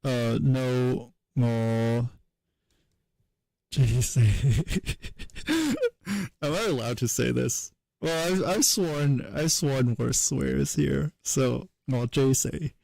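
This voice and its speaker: A man streaming as he works through a linguistics problem, thinking aloud in a hesitant, wry way with many pauses. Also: medium pitch, gravelly, a little mellow, dry recording. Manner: hesitant self-talk with many pauses and fillers.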